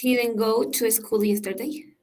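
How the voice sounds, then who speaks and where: A woman's voice: on the high side, steady tone, slow, darkish tone. A woman student answering hesitantly in a virtual English class, working through each sentence. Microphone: video call.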